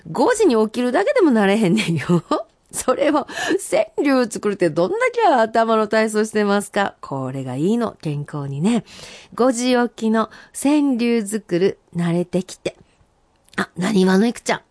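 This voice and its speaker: Kansai lady doing a radio show, bouncy voice going up and down a lot, dry studio mic. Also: no room sound. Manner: lively, playful, recites poems slowly with big pitch jumps. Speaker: radio host reading listener haiku. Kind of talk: radio show, reading listener senryu.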